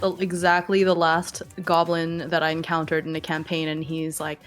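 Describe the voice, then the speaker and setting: A woman's voice: sits low, monotone, moderate pace, a little hiss or hum. A woman, a guest who runs tabletop games, chatting casually with dry, wry storytelling. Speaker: guest, solo tabletop game player and game master. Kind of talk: casual chat.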